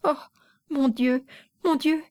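A woman voicing a distraught young mother who wails and pleads in a high, tearful voice. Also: steady tone, slow, darkish tone. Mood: pleading.

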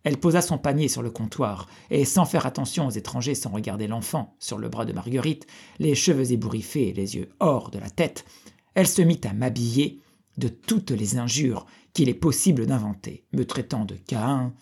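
A man reading a historical novel aloud in a steady, measured way. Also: medium pitch, gravelly, husky. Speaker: audiobook reader.

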